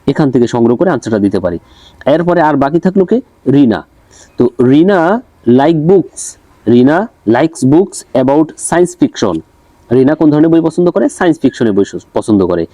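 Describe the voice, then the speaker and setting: A man with a Bengali accent teaching an English textbook lesson, reading English lines slowly and then explaining them. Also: medium pitch, dark tone, no echo.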